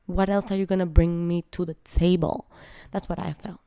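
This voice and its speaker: Sick woman vlogger, blunt and mellow. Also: on the low side, level tone, normal speed, smooth, no echo, clean studio sound. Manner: candid and blunt, swears freely; frank, frustrated, self-mocking. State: sick, voice strained by illness. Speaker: vlogger reviewing a film. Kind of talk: casual opinion vlog.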